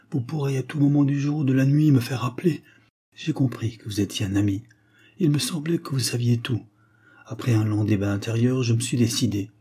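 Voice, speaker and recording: A man's voice: mid-range voice, mellow, slightly rough, lightly acted. A man reading a spy novel aloud and voicing a distraught young wife who pleads in anguish for her husband, with a raised, strained tone. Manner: anguished, imploring.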